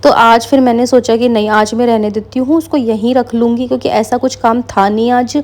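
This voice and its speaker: A young woman talks casually to her viewers, mixing into her the way vloggers do. Her voice sits a little high but sounds soft and mellow rather than bright. She rambles comfortably through everyday stories. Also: fairly even intonation, brisk. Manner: chatty, Hindi mixed with English words. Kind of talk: casual chat.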